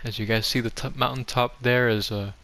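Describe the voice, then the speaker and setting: A young gaming video host, a young adult man, speaks fairly quickly in a bright, forceful, medium-pitched voice with fairly even intonation. His game tour commentary is offhand and rambling, often self-deprecating. Music plays in the background.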